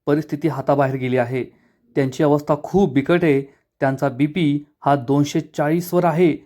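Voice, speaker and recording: A man's voice: on the high side, fairly even intonation, mellow, close to an everyday voice. A man voicing a serious middle-aged doctor giving grim news in a retold drama. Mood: grave. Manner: serious, measured, quick explanation. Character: grave, calm middle-aged male doctor.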